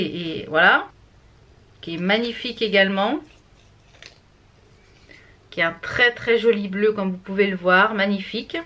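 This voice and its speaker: A woman's voice: mid-range voice, sharp tone. A woman from France chatting casually through a makeup product review, with many fillers and restarts. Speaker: beauty vlogger.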